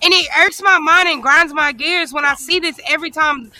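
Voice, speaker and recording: Emphatic bright-voiced woman ranting. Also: high-pitched, a little fast. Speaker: co-host. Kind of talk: casual sports chat.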